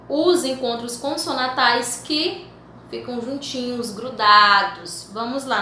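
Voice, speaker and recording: Slow, bright-voiced teacher in echoey room. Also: female voice, a little high, slight background noise. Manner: slow, deliberate, stretches and repeats example words. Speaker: Portuguese teacher. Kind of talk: recorded remote school lesson.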